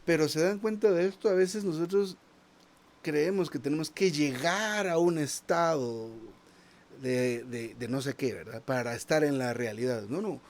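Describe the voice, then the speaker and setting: A man's voice: a little high, a little slow, a little mellow. Man preaching in a conversational tone. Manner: conversational, asks the listeners "¿verdad?" often; repeats small words while searching for the next phrase. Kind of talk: sermon.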